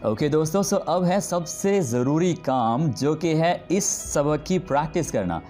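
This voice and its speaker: A man teaching English pronunciation, repeating each example word slowly and deliberately. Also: fairly high pitch, animated, a little mellow, faint music behind. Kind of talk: spoken pronunciation lesson.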